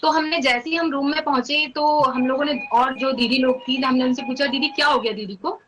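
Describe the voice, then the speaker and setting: A young woman with a high, bright voice recounts a personal story in a casual, earnest way. She talks animatedly and leans on fillers as she goes. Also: steady tone, a little fast, a little hiss or hum, low-quality recording. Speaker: guest sharing a devotional experience.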